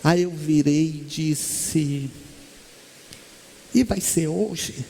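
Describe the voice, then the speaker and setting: Brazilian guy giving a spiritist lecture, highish voice, lively storytelling, does the voices. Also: drawn-out words, vocal fry, a little hiss or hum. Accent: Brazilian Portuguese. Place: lecture hall stage.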